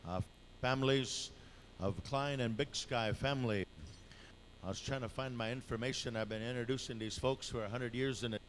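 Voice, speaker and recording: A man working as a powwow emcee, announcing live in an informal, halting way and drawing out the names he calls. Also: mid-range voice. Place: powwow dance arena. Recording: noisy live event PA announcement. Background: clear event noise and ambience.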